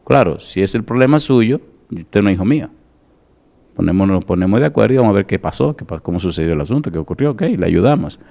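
A middle-aged male pastor with a medium-pitched voice preaches a firm, emphatic sermon. He keeps putting rhetorical yes-or-no questions to the congregation.

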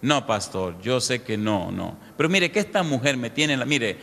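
A man preacher voicing a stubborn, defensive middle-aged accountant who grumbles about his wife, in a low voice within a sermon story. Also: animated, moderate pace, vocal fry, a bit bright. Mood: grumbling. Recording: echoey hall.

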